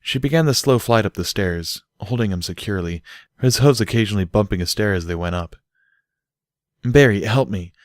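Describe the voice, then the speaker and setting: Reading scripted prose as an audiobook narrator, a man tells a story in a low voice at a fast pace. The recording is dry and close-miked.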